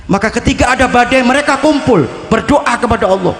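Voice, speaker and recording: A man's voice: extremely high pitch, fast, a bit bright. A man preaching a sermon in a folksy, dramatic way, often calling his listeners "Pak". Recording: echoey hall with long reverb.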